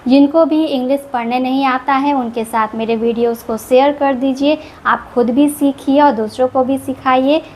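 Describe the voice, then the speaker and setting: A woman's voice: high voice, fairly even intonation, normal speed, hardly any pauses, darkish tone, slight background noise. A woman teaching English reading rules, explaining each one patiently and repeating the example words. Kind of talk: slow step-by-step lesson.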